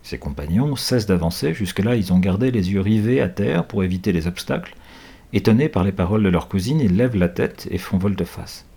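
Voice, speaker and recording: A man reading a children's adventure book aloud at home, lively and animated, with small hesitations and self-corrections. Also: low voice, fairly quick, gravelly, breathy edge.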